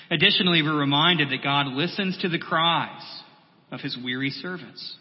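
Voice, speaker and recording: A male pastor delivering a measured sermon, building through repeated phrases and dropping to a soft, quiet voice. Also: on the high side, slight background noise. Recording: long hall reverb, muffled sound.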